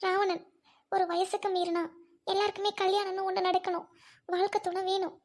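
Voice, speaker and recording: A woman's voice: very high-pitched, level tone, moderate pace, darkish tone. A woman playing a grieving young widow, speaking in a sorrowful, pleading way as amateur drama acting.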